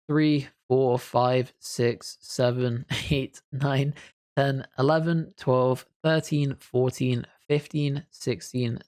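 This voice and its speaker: Male gaming commentator: casual, thinks aloud, low-key reactions. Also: darkish tone. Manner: chatty, thinks aloud while playing; mild, understated reactions. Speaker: gaming video creator.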